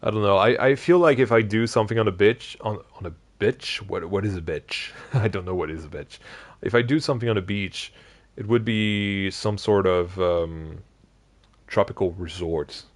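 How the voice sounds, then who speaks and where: A man's voice: lowish voice, moderate pace. A man live-streaming a building game late in a long session, chatting loosely with viewers and restarting his sentences a lot. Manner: rambling, many restarts and fillers, chatting with viewers. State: sleepy, yawning. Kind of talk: casual live-stream chat while gaming.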